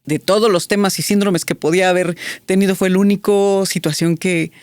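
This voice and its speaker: A woman's voice: lowish voice, steady tone, fairly quick, no room sound. A woman, a guest telling a personal story in an interview, reflective, with many fillers and restarts. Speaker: guest, business strategist.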